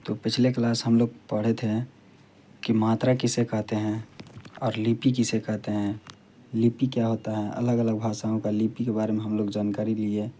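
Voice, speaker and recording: A man's voice: fairly low pitch, moderate pace, a little hiss or hum. A man teaching a grammar lesson to students, explaining steadily and repeating key points so they stick. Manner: plain, steady explaining with frequent "ठीक है". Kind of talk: classroom lesson.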